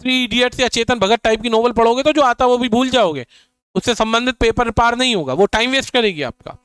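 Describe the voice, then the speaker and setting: A man's voice: extremely high pitch, quick pace, fairly bright tone, clean tone, no room sound. A male teacher giving an exam-prep lecture, talking straight to his students and acting out their doubts. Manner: addresses students directly, acts out their doubts in quotes.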